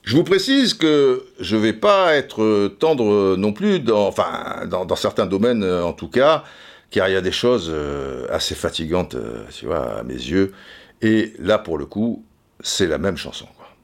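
A man's voice: low voice, lively intonation, a little slow. A man talking casually as a commentator, repeating words as he stammers and swearing now and then. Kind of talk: casual chat.

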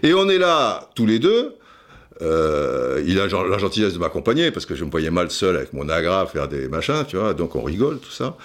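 Rambling animated French podcast host. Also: male voice, deep voice, moderate pace. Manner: rambling and digressive, many restarts and asides. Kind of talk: casual storytelling monologue.

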